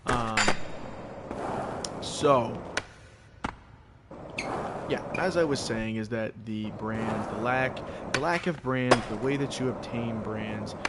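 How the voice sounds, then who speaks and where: A man chewing gum as he gives rambling, halting, casual commentary on a live game stream. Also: medium pitch. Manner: chewing gum while talking; rambling, halting, thinking aloud. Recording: loud background noise with clicking.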